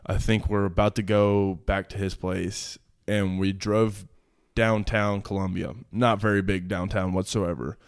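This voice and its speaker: A man's voice: sits low, level tone, a little slow, hardly any pauses, clean tone, dry recording, clean studio sound. A young man in his twenties, a pro football player, chatting casually and telling stories with lots of fillers and laughs. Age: 20s. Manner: laid-back, many fillers, laughs while telling stories. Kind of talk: casual chat, storytelling.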